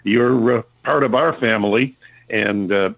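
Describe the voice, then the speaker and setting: Gravelly male show host, folksy. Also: fairly low pitch, a little slow, dry recording, poor audio. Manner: folksy, welcoming. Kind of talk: casual interview chat.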